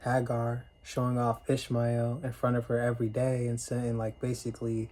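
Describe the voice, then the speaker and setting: A man casually retelling a Bible story as a sermon, in plain everyday speech and clearing his throat now and then. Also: mid-range voice, completely flat delivery, moderate pace, warm tone, low-quality recording. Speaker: preacher.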